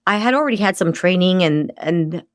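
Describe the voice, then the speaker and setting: A middle-aged woman, a nurse in aesthetic medicine, telling her career story as a podcast guest in a lively way, acting out the people she quotes. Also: fairly low pitch, brisk, no room sound, studio quality. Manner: lively storyteller who acts out quoted dialogue. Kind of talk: casual interview storytelling. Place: podcast studio.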